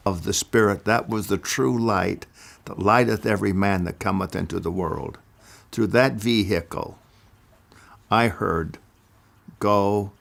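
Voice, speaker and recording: An older man from Idaho telling a personal testimony, with a deliberate, measured delivery and careful pauses. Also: lowish voice, vocal fry. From Idaho, USA. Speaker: speaker giving a personal testimony. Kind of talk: slow first-person storytelling.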